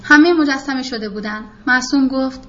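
A woman's voice: high-pitched, dull audio. A woman narrating a novel as a scripted audiobook reading, giving the characters' lines in her own voice.

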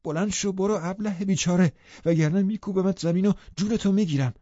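A man's voice: sits high, warm tone, no room sound, dull audio, pitched above the performer's own voice, lightly acted. A man voicing a brooding, violent grieving man in an audiobook, threatening in tone. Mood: furious.

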